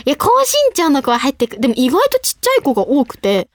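A woman's voice: high voice, fast talker, no echo. A young woman from Saitama hosting a radio show, chatting in a bubbly, giggly way and reading out listener mail. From Saitama, Japan. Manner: bubbly, giggly, animated storytelling. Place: radio studio. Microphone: studio microphone.

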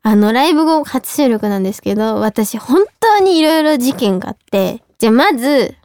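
A young woman hosting a radio show in a studio, talking fast and excitedly in a casual chat. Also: fairly high pitch. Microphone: studio microphone.

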